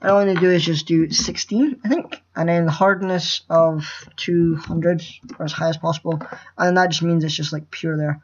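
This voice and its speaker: This game-making tutorial host is nervous and new to it, explaining a screen recording while rambling, interrupting himself, tripping over words and swearing casually. The voice is mid-range with fairly even intonation at normal speed, and the highs are cut off.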